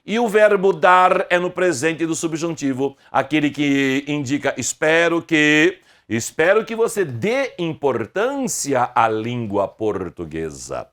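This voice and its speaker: A middle-aged Brazilian man teaching an online grammar lesson, slow and deliberate, asking his viewers question after question. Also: a little high, big pitch swings, fairly bright tone.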